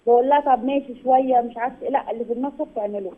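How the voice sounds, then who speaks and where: A woman with an Egyptian accent calling in as a mother, explaining her problem in a rushed, worried way. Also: fairly high pitch. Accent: Egyptian Arabic. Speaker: caller, mother. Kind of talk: phone-in question. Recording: tinny phone line.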